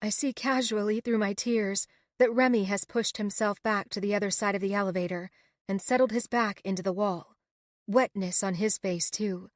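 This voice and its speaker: A woman narrates a first-person romance audiobook with emotional, expressive reading. Her voice sits in a middle register. The recording is dry and close. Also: medium pitch, normal speed, no echo.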